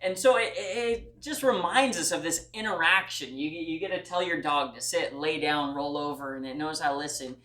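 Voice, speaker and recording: A man's voice: on the high side, sharp tone. A man giving a class presentation speech in a folksy, earnest way and speaking straight to his audience. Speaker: student speaker. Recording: echoey room.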